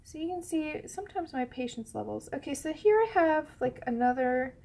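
A woman hosts a casual real-time drawing tutorial at her desk, coloring while she talks, her high voice gravelly and sniffly from a head cold. She's expressive and keeps a moderate pace, though her speech drifts and restarts with many ums, dipping now and then into a soft whisper. A faint hiss or hum sits under the audio.

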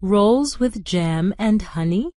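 A woman announcing each lesson phrase in a deliberate, scripted narration. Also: mid-range voice, animated, warm tone, dry recording, clean studio sound.

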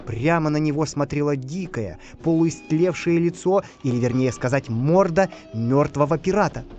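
A man reading a bedtime story aloud in an expressive, lively way. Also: a little high, moderate pace, dull audio, faint music behind. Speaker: narrator.

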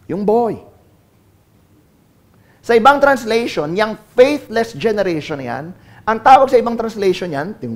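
A man from the Philippines preaching a sermon as pastor, mixing English into his talk and calling on the congregation to answer. He swings between loud calls and low, quiet asides.

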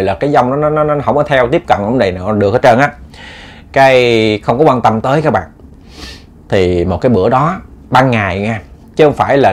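A man telling a ghost story in a lively way, speaking straight to his listeners with many repeats. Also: mid-range voice.

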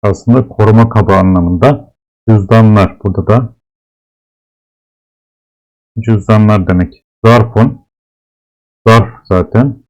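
Male language teacher, low-ish voice, unhurried, repetitive drilling delivery. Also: a little mellow, poor audio. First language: Turkish. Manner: patient, repeats each sound several times. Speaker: Arabic teacher. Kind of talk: slow classroom explanation of letters.

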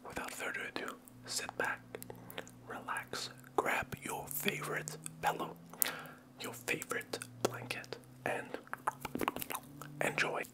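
A young man whispering close to a small earphone mic as the host of a fast, aggressive lo-fi ASMR video. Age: young adult. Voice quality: whispered, unvoiced. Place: small indoor room at home. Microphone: small earphone mic held close to the mouth.

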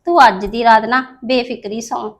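A woman with a high voice plays a daughter in a family drama. She plots and reassures in a steady tone. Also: moderate pace. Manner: scheming, reassuring. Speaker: daughter scheming with her mother. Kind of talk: scripted village family drama.

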